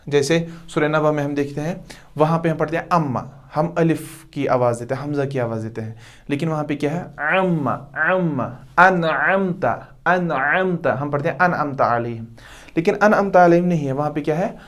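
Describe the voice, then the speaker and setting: A man teaching pronunciation in a recorded lesson, who repeats each letter slowly and keeps checking that the listener understands. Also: a little high. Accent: Urdu-Hindi speaker. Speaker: Quran recitation teacher.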